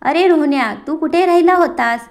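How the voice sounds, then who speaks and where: A woman voicing an easygoing middle-aged father who calms things with gentle jokes. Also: high-pitched, moderate pace, lightly acted.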